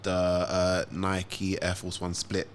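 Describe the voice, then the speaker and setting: A young man with a lowish voice, laid-back and defensive in casual podcast chat. Faint noise sits behind him. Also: monotone, slow. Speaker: podcast co-host.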